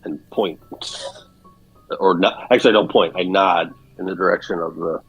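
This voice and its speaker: A man's voice: low voice, steady tone, moderate pace, creaky, lo-fi sound, soft background music. A man playing in a tabletop role-playing game, asking questions and reasoning through theories about the story. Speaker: player.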